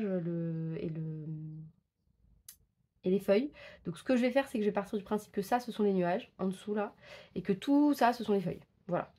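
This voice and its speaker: A woman's voice: mid-range voice, dark tone. A woman chatting casually while she colors and tests pencils, thinking aloud with many fillers and self-corrections. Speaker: coloring book vlogger.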